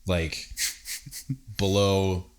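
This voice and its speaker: A man's voice: low voice, extremely slow. A man with a Minnesotan accent, co-hosting a casual podcast chat and swearing freely as he tells emphatic stories. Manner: profane, emphatic storytelling. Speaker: podcast co-host.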